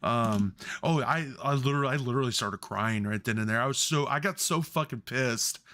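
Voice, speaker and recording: A man with a bright, forceful voice co-hosts a casual sports podcast. He tells worked-up, profanity-laced stories and talks loosely about football. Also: medium pitch, a little fast. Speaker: podcast co-host.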